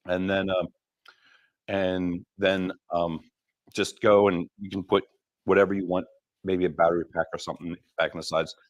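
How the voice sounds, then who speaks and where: A man's voice: low-pitched, little pitch movement, moderate pace, dry recording. A man hosting a live stream for his gear company, casually explaining how a hammock works, with many ums along the way.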